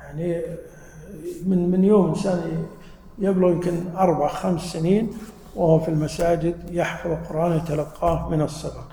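A man gives a mosque lesson, explaining patiently and testing his listeners with questions. His voice sits a touch high, with a gravelly, mellow grain. The sound rings with the long reverb of a large hall. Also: steady tone, a little fast. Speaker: religious teacher. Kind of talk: mosque lesson to a live audience.

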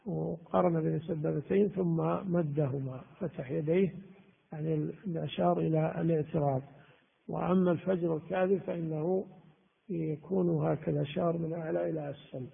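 Man, religious teacher, slow explanatory delivery, gravelly, tinny sound, echoing hall. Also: a little high. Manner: slow, explanatory, repeats key words. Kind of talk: hadith lesson with grammar explanation.

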